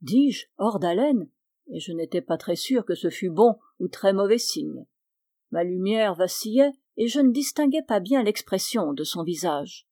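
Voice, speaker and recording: A woman with a French accent narrates a literary novel in a measured, unhurried way. Her voice is mellow and warm, and the recording is close and dry with no room sound. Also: mid-range voice, dry recording. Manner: measured, calm storytelling. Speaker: audiobook reader.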